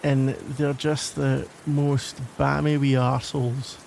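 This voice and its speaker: In this conversational ASMR roleplay, a Glaswegian man voices a grumbly, flirty stranger with a teasing, wry, self-deprecating streak. He speaks slowly in a flat, mid-range voice that's creaky and a little mellow. There's slight background noise.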